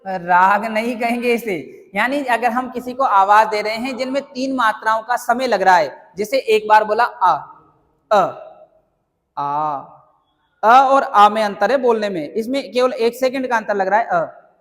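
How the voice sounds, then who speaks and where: A man's voice: high voice, normal speed, a bit bright, big-room sound. A man teaching a grammar lesson to a class, asking questions and answering them himself. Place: classroom with students.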